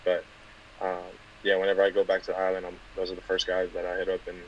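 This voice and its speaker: Young guy from california, low monotone, chill interview answers, bit of hiss in the background. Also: fast, dull audio. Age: 20s. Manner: soft-spoken, many fillers and restarts. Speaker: guest football player. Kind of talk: casual interview.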